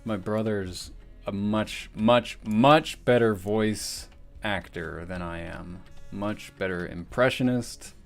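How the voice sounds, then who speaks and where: Slow, low-voiced rambling male streamer. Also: gravelly, soft background music. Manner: rambling, casual, swears often. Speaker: livestreamer and animator. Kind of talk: casual livestream commentary.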